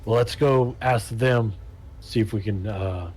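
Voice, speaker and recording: A man's voice: on the low side, measured pace, a little mellow, slight background noise. A man playing a tabletop game, chatting casually with joking, self-mocking remarks. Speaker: player.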